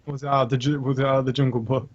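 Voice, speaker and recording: A man in a casual chat podcast, throwing in quick remarks and laughing at the others. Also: mid-range voice, flat delivery, highs cut off. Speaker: podcast co-host.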